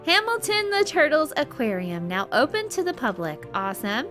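A woman hosts a gaming video in a high, bright voice that swoops up and down as she chats. She is excitable and gushing and laughs often. Faint music plays behind her. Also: normal speed. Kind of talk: casual gameplay chat.

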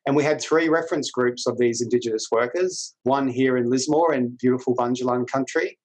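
Speaking briskly in a darkish, medium-pitched voice, an Australian-accented middle-aged man from New South Wales introduces a webinar as its moderator in a casual, colloquial way. He's on a video call in a small indoor office room, and his computer's call microphone produces a rough recording.

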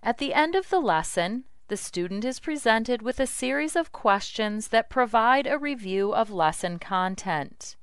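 Casting: female demo narrator, scripted instructional read, crisp voice, dry studio sound. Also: a little high, expressive, a little slow, few pauses, no echo.

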